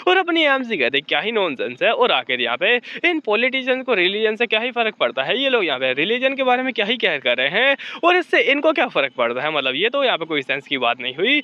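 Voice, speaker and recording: A man's voice: high-pitched, sharp tone, dry recording. A man retelling a story in a chatty, mocking, slangy way. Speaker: story narrator. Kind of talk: casual story recap. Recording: dull dry lo-fi recording.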